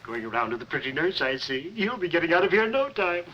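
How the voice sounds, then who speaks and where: High, chummy eccentric in old comedy. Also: male voice, sing-song, fast talker. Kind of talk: 1940s comedy film acting. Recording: dull, noisy old film soundtrack.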